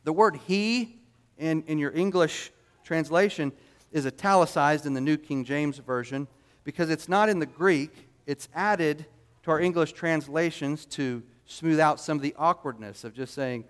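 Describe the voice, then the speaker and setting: A man's voice: a little high, measured pace, smooth. A man preaching a sermon as a pastor, explaining scripture in an emphatic, expository way.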